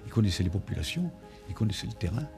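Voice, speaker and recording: A man's voice: on the low side, sing-song, rapid-fire, creaky. An older man, an army veteran, talking informally in an interview. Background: faint music.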